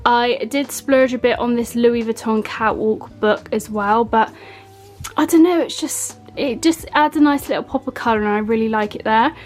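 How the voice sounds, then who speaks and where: Young woman, fairly high pitch, casual vlog narration, enthusiastic gushing, chatty, light music underneath. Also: moderate pace, darkish tone. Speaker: home and lifestyle vlogger. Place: small furnished bedroom, indoors. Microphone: handheld compact camera at arm's length.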